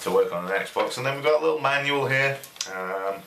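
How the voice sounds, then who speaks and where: Reviewing a product in a small home room with a desk and computer, this middle-aged man sounds animated and a little fast, his voice mid-range. His talk is rambling and full of fillers, picked up by a distant camera mic with roomy sound and a faint hiss.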